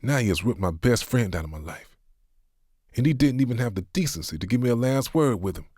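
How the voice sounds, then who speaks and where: A man's voice: mid-range voice, lively intonation, brisk, a little mellow, no echo, clean studio sound, voice pushed up, close to an everyday voice. A man voicing a grieving, defiant middle-aged man who speaks with bitter, half-hearted sarcasm.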